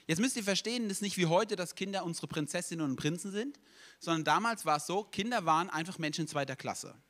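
A young man preaching a sermon, telling stories in a lively way and acting out quotes casually. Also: high-pitched, fast.

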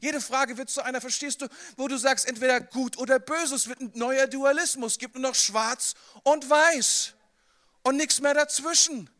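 A man with a high, bright voice preaching a sermon. He talks in a lively, conversational way and keeps turning to the listener with direct questions. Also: moderate pace.

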